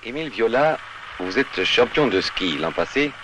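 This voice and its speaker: A man's voice: on the low side, big pitch swings, normal speed. A man interviewing people as a reporter, asking probing questions on a 1960s report. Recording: old 1960s film sound, noisy.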